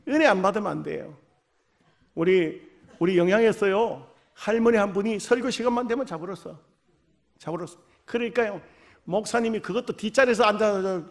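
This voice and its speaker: A man preaching a revival sermon. He tells lively stories and acts out voices, swinging from shouts to near whispers, and has a slight cold. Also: high-pitched. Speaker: pastor. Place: church.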